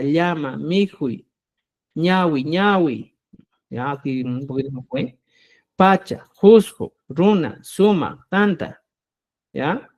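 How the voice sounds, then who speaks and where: A man's voice: on the high side, a little mellow. Man teaching Quechua, checks in often. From Peru. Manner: explanatory, keeps checking in with "¿ya?", spells out syllables slowly. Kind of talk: live online class.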